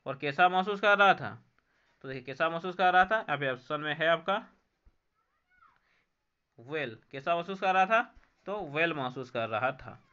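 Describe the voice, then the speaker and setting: A man's voice: fairly high pitch, lively intonation, measured pace, long pauses, pushed and bright, clean tone, muffled recording. A man with an Indian accent teaching an English textbook lesson, reading each English line and explaining it in Hindi, repeating every answer word. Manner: reads English lines then explains them in Hindi.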